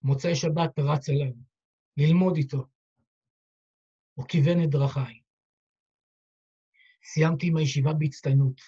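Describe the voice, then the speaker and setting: A man, a rabbi, delivers a dramatic, heartfelt story as a sermon, slipping into the voices of the people in it. His voice sits somewhat high yet sounds mellow and husky. The recording is dull and lo-fi. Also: steady tone, pauses often. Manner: dramatic, heartfelt retelling with quoted dialogue.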